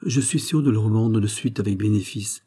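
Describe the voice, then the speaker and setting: A man's voice: on the low side, fairly quick, mellow, slightly rough. A man voicing a pushy, scheming young brother who talks in an eager, wheedling way.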